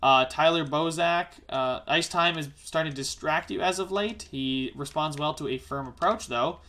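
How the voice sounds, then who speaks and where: Fast-rambling man commentating his game. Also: on the high side, bright, forceful tone. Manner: rambling, self-correcting, exasperated musing; fast-talking. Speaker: gaming YouTuber. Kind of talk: let's-play gameplay commentary.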